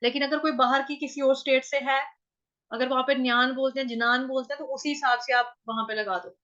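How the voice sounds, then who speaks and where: High, bright-voiced North Indian woman teacher. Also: fairly even intonation, lo-fi sound. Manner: drills each syllable slowly and repeats it several times. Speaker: Sanskrit recitation teacher. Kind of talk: chanting lesson, syllable by syllable.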